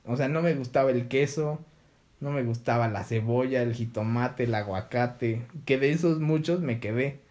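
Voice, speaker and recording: A man's voice: medium pitch, moderate pace, darkish tone. A young man with a Mexican Spanish accent, telling childhood stories in a casual chat and acting out the voices of people he quotes. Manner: storytelling, acts out quoted voices.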